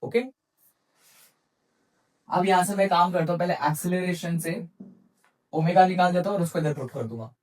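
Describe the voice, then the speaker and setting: A man's voice: sits high, moderate pace, pauses often, poor audio. A male physics teacher giving an exam-prep lecture in Hindi with English terms mixed in. He keeps asking his students questions and answering them himself.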